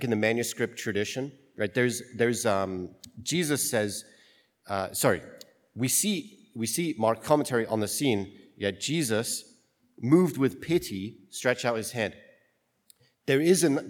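A priest reading the gospel and then preaching in a casual, joking way, his voice ringing with a long cathedral-like echo. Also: medium pitch. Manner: casual, joking, thinks aloud with restarts.

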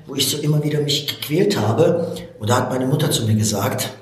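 With a medium pitch and a brisk delivery, a motivational coach in his forties shares his life story in an interview. He's from Baku, Azerbaijan, a native Russian speaker who hesitates often while speaking earnestly, far from the mic in a strongly echoing room.

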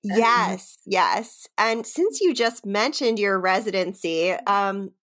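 A woman hosting a podcast, friendly and filling pauses with ums as she introduces and chats. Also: medium pitch, expressive, a bit bright. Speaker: podcast host. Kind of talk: podcast intro and casual interview.

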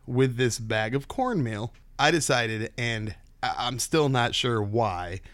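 A man's voice: mid-range voice, slow pace, a bit bright, no echo. A male podcast host with a casual storyteller's delivery. He talks in a folksy, conversational way and likes to draw out the suspense. The sound is dry, with very little room on it.

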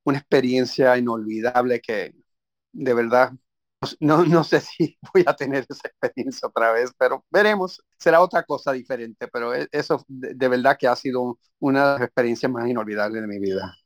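A middle-aged man speaks with a Puerto Rican Spanish accent, his voice at an ordinary pitch for a man. He tells his story thoughtfully in an interview, often restarting his sentences. The recording is close and dry, with no room sound. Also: moderate pace, dry recording. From Puerto Rico. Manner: reflective, warm storytelling with many restarts. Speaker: stage actor. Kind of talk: interview answers.

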